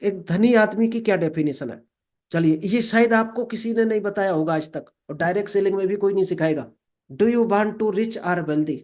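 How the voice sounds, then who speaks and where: A man giving a motivational talk. He reads each English line slowly, then explains it, and often calls the listener friend. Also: high voice, a little mellow. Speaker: motivational speaker.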